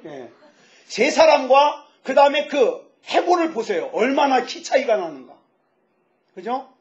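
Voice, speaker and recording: A pastor in his fifties preaching a sermon, lively and joking, asking the audience questions. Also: very high voice, unhurried. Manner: lively, asks the audience questions, jokes about himself. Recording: dull lo-fi sound.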